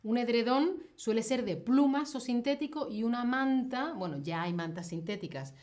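A woman's voice: a little high, animated, moderate pace, darkish tone. Chatty woman explaining vocabulary. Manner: chatty, explanatory, laughs easily. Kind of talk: explaining words in a casual lesson.

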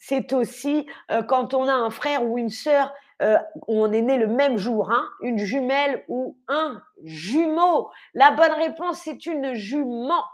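A young woman teaching French on a livestream, speaking slowly and clearly, spelling words out letter by letter and cheering on viewers. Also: high voice. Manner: upbeat, encouraging, quizzes viewers. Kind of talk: live online vocabulary lesson.

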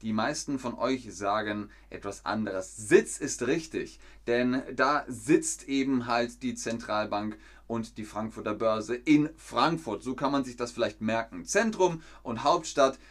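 Man, German teacher, live-stream lesson, mid-range voice, quizzes viewers, reads chat, slow careful repeats, playful jokes. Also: medium pitch. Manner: asks viewers questions and reads out chat comments; repeats and rephrases sentences slowly for learners.

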